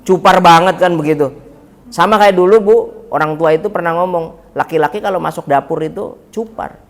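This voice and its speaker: A man's voice: fairly high pitch, brisk. A man, preaching a humorous sermon in a mosque and joking with the congregation. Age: 40s. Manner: joking, talks straight to the congregation. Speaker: Islamic preacher.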